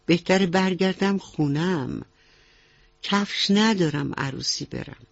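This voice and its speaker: A woman's voice: fairly low pitch, vocal fry, dry recording. Shy lady mouse voiced by a woman, radio bedtime tale, dull lo-fi sound. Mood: polite. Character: shy adult female mouse.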